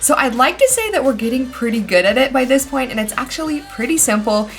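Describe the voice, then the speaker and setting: A woman's voice: high-pitched, very animated, fast, soft background music. Bubbly woman vlogging home renovation. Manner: bubbly, laughs easily. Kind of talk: casual DIY vlog talk.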